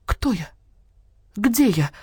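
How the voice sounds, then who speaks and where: A woman voicing a weak, bewildered hen in a storybook, with a husky, croaky voice. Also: medium pitch, very animated, slow pace, darkish tone, no room sound, clean studio sound, exaggerated voice. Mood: dazed. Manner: bewildered, repeats words in a daze. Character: dazed, weak hen, hoarse and clucking.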